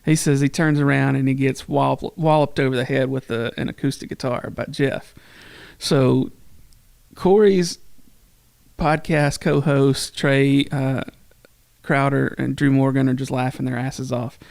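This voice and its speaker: Gravelly guy rambling on a podcast, dry close sound. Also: mid-range voice, fairly even intonation, unhurried, a little mellow, dry recording. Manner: rambling storyteller, swears freely. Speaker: podcast co-host. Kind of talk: casual chat.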